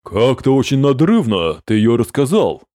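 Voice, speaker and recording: A man voicing a calm, cold male sorcerer who speaks in a cutting, sarcastic way. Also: medium pitch, moderate pace, dry recording, clean studio sound, pitched above the performer's own voice, lightly acted.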